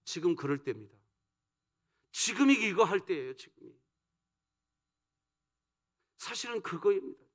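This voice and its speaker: A pastor preaching a dawn service sermon, asking the congregation questions and swinging between loud emphasis and soft, low asides. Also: male voice, very animated, moderate pace, long pauses. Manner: rhetorical questions put to the congregation. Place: church sanctuary.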